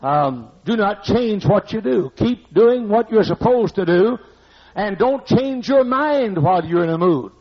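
A man's voice: sits high, animated, unhurried. An older man preaching a sermon as pastor in a church, blunt and conversational, scolding the congregation with asides, on a muffled old recording. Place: church sanctuary.

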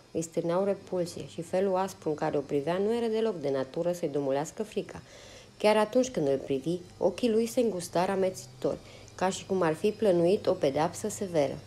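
A woman narrating a novel as an audiobook in a steady, unhurried reading. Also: lowish voice. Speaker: audiobook reader.

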